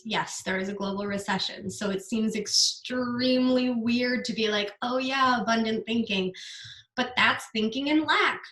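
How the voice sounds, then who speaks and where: A young woman talks through a casual business masterclass with earnest energy and loose, everyday wording. Her voice sits at a middle pitch. The room around her is echoey. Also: pushed and bright. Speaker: business coach giving a masterclass.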